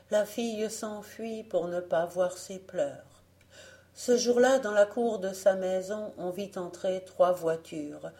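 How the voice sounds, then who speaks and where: Slow, mellow woman reading a fairy tale. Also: on the low side. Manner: slow, measured storytelling. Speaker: audiobook reader. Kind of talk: scripted fairy-tale narration.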